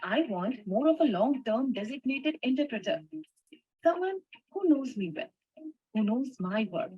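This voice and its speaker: Woman's husky translation voice-over, lo-fi. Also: on the high side, sing-song, a little slow, darkish tone. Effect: spoken translation voice-over for a signing person. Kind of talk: voice-over interpreting a first-person account. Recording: dull lo-fi sound from a played video.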